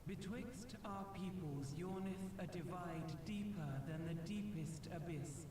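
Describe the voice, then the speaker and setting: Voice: medium pitch, unhurried, noisy background, close to an everyday voice. An actor voicing an ancient, solemn dragon in a fantasy game, speaking in archaic, stately phrases. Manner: archaic, stately, formal speech. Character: ancient solemn dragon pleading for peace between peoples. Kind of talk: fantasy video game voice acting. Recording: heavy echo, distant, music behind.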